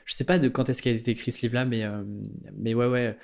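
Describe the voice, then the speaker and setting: A man's voice: medium pitch, level tone, fast talker, a little mellow. A man hosting a podcast interview, talking casually and rambling, with many fillers and restarts. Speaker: podcast host.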